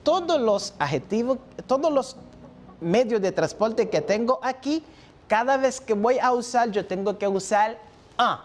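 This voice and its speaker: A man's voice: very high-pitched, expressive, unhurried. A man teaching a televised French lesson, drilling vocabulary and switching between French and Spanish while encouraging students with praise.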